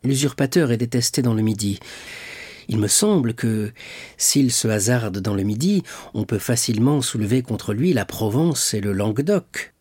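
A man reading an audiobook, voicing an ambitious young male magistrate who speaks in a measured, courtly, deferential way. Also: medium pitch, expressive, darkish tone, husky, no echo.

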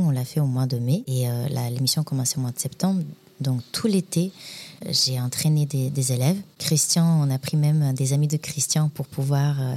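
A woman's voice: very deep voice, mellow. A woman with a Bulgarian accent, slightly Québécois-tinged, speaking French as a non-native in a casual interview, hesitant and full of restarts. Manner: hesitant, many restarts and fillers, laughs often. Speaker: guest, professional dancer.

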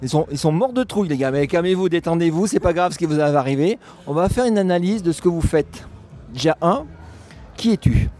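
A man interviewing podcast hosts in a brisk, teasing way. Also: on the high side, animated, warm tone. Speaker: guest interviewer.

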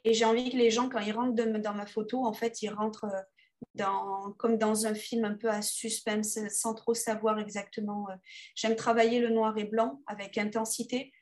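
A woman, an underwater photographer being interviewed, talking casually with many pauses and restarts. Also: mid-range voice, little pitch movement. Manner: hesitant, many fillers and restarts.

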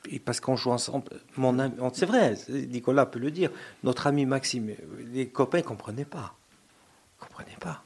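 Husky, fervent older man. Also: mid-range voice, moderate pace, darkish tone. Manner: fervent, repeats words while searching. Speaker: band representative, guest. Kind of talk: casual enthusiastic talk.

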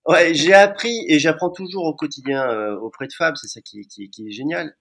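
A man's voice: on the high side, moderate pace, gravelly, fairly bright tone. A man, a dentist, talking conversationally about his practice with frequent hesitations. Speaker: dentist guest. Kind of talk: podcast conversation.

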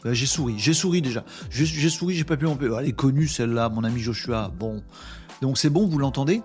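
A man's voice: medium pitch, fast talker, darkish tone, faint music behind. A man hosting a live stream, chatting loosely with many fillers and reading out viewer comments. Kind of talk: casual live stream chat.

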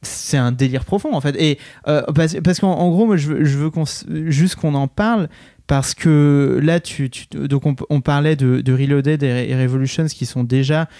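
A man's voice: a little high, normal speed, mellow, no echo, clean studio sound. A man hosting a casual film discussion, talking with many hesitations and restarts.

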